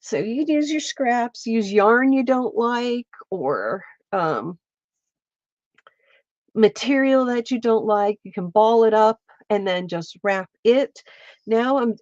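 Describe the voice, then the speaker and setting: A woman with a stuffy, congested voice, slowly walking viewers through a craft step by step and chatting with them as she works. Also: medium pitch, a little mellow, dry recording, lo-fi sound. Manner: slow, meandering, chats with viewers while working. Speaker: craft livestreamer. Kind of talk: casual craft demonstration. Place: home, at her lap.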